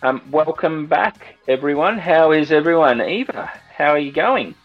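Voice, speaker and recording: A man's voice: a little high, animated, moderate pace, no room sound. Aussie guy hosting a podcast, chatty and informal, bit muffled with music under it. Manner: informal, says mate. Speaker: podcast host. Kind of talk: casual podcast chat with co-hosts.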